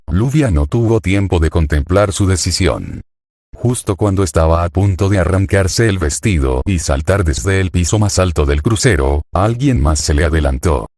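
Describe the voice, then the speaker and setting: Male narrator, deep, even storytelling read, dry close sound. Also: no room sound. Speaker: fanfiction reader. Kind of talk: scripted narration.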